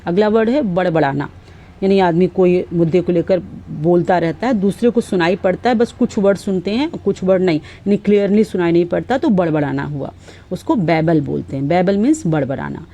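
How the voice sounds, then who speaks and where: A woman teaches vocabulary. Her voice sits low and sounds mellow. She reads each example sentence slowly and carefully before explaining it. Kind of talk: explaining word meanings.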